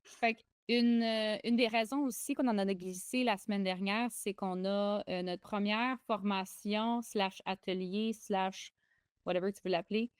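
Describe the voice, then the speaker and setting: A young woman with a Québécois accent co-hosting a podcast, chatting excitably with lots of fillers and restarts. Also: mid-range voice, measured pace, smooth, no echo, studio quality. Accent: Québécois French. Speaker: podcast co-host. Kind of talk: casual podcast chat.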